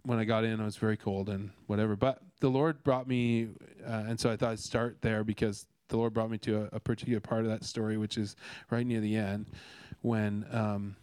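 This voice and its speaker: Earnest man, smooth low voice. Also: level tone, fairly quick, hardly any pauses, darkish tone, no echo. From Canada. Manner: earnest, rambling, many restarts and fillers. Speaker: speaker sharing a devotional. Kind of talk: casual devotional talk.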